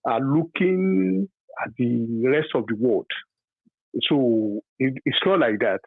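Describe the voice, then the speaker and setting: Husky Yoruba-accented caller over a phone line. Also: male voice, medium pitch, no room sound. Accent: Nigerian, Yoruba. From Nigeria. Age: 50s. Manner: halting, full of fillers and restarts, emphatic. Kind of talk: call-in radio opinion. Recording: dry tinny phone line.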